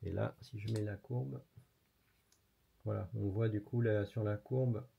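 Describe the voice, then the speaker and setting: A man's voice: on the low side, fairly even intonation, a little slow, gravelly, slightly rough. A man hosting an electronics tutorial, explaining casually while demonstrating hands-on and swearing mildly now and then. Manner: casual and chatty, with mild swearing. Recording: dull lo-fi recording.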